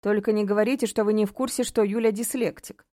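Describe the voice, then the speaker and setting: A woman's voice: medium pitch, steady tone, fast, dark tone, dry recording, clean studio sound, close to an everyday voice. A woman reading the lines of a stern, imperious middle-aged mother who is a judge, speaking sharply and with sarcasm in an audiobook. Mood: cold stern.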